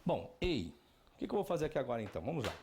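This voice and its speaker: A man's voice: medium pitch, sing-song, racing, darkish tone, slight background noise. A Brazilian man teaching at a whiteboard, drilling pronunciation aloud and asking and answering his own questions. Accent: Brazilian Portuguese. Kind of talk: whiteboard lesson. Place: classroom at a whiteboard.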